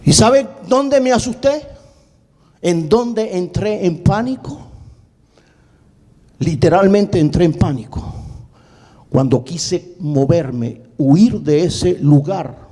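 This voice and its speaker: High-voiced yet mellow and dark in tone, a male pastor gives an expressive sermon testimony. He recounts his story dramatically, repeating words for emphasis and alternating quick bursts with slow, drawn-out phrases.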